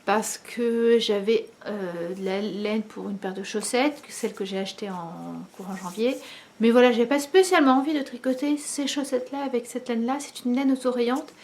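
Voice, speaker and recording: A woman, likely in her thirties, chatting casually to the camera at home as host of a knitting video, pausing often with many fillers. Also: on the high side, a little mellow. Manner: hesitant, many pauses and fillers.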